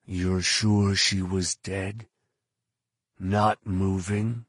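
A man voicing a curt, hardened male bounty hunter in an audiobook, husky and clipped. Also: sits low, little pitch movement, extremely slow, dry recording, studio quality, exaggerated voice. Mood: grim. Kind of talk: audiobook narration.

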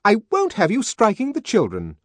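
Man putting on a shrill, bossy head nurse. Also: wildly swooping pitch, moderate pace, dry recording, exaggerated voice. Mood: fierce, indignant. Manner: shrill, truculent, scolding. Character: stern bossy head nurse, woman, middle-aged.

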